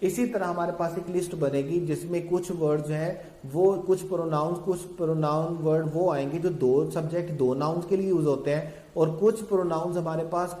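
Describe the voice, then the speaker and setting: A man's voice: on the high side, mellow, reverberant. A man giving a grammar lecture to students, explaining terms and asking and answering his own questions. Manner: addresses students as children. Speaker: English grammar teacher. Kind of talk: recorded classroom lecture.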